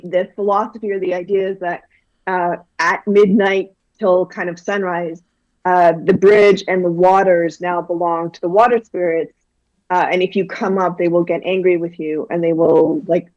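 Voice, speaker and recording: Her voice sits on the low side and is a little mellow, captured in a dry recording with dull audio. She's a children's book author from Guyana, guesting in a relaxed interview and chatting animatedly, often restarting and using fillers.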